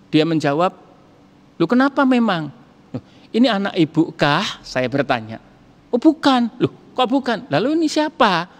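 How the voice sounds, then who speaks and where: Middle-aged male pastor, churchy reverb. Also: fairly high pitch. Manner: conversational, acts out dialogue in a story. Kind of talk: sermon with storytelling. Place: church hall. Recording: long hall reverb.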